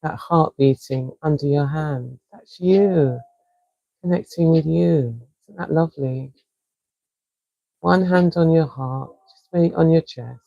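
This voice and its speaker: A woman with a South London accent, a wellness coach leading a live-streamed guided breathing session in a slow, soothing, encouraging way. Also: sits low, creaky, mellow, no room sound, lo-fi sound. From England.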